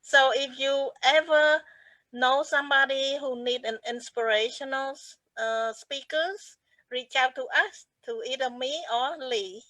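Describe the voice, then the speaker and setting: A woman's voice: high voice, measured pace, bright, forceful tone, no room sound, rough recording. A woman tells her personal story as a guest speaker, earnest and often restarting her phrases. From Cambodia.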